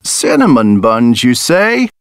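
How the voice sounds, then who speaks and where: A man's voice: medium pitch, wildly swooping pitch, slow pace, clear, resonant tone, dry recording, studio quality, heavily acted. A man voicing a sly bearded old farmer. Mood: sly, boastful.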